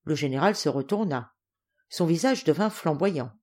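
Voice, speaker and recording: Lower-voiced woman reading an audiobook. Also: expressive, moderate pace, a little mellow. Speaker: audiobook reader. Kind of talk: audiobook narration of a classic novel.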